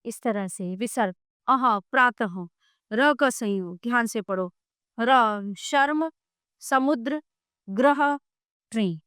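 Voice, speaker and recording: A woman's voice: a little high, a bit bright, clear, resonant tone, no room sound, studio quality. A woman teaching a grammar lesson, reading out letters one by one with classroom asides. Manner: slow, deliberate listing of letters with classroom asides.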